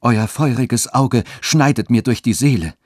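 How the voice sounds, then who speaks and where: A man's voice: mid-range voice, unhurried, a little mellow, no echo, clean studio sound, pitched above the performer's own voice, natural voice. A man reading a radio story, voicing a frail, pious old peasant woman who pleads and laments. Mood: agitated.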